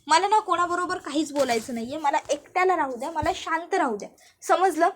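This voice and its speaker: Brief: a curt, exasperated young man with a high voice, as a female storyteller puts him on. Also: animated, a little fast, a little hiss or hum.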